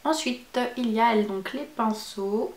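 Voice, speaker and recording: A woman's voice: on the high side, takes it slowly, roomy sound. A woman beauty vlogger chatting casually through a makeup palette review, enthusiastic about each shade.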